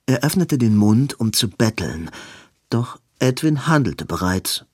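A man reading a novel aloud as an audiobook narrator, in a slow, even reading. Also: mid-range voice, breathy edge, no room sound, clean studio sound. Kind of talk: scripted narration.

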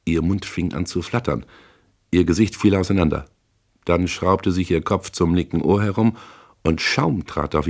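A man narrating a first-person crime novel in a measured, dry, hard-boiled way. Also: sits low. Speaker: audiobook narrator.

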